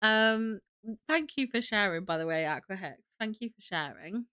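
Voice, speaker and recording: A woman's voice: medium pitch, lively intonation, normal speed, bright, forceful tone, clean tone. A young woman hosting a casual livestream, sniffly from a cold, gushing and chatty as she greets viewers. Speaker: livestream host.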